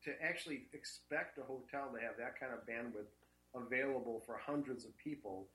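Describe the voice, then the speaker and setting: A man's voice: medium pitch, fairly quick, sharp tone, faint music behind. A man co-hosting casually over an internet call, his voice hollow and echoey as if he were in a cave or tunnel, chatty and rambling. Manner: chatty and rambling, with some restarts. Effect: echoey call audio, like talking from a cave or tunnel. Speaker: co-host calling in remotely. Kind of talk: casual chat.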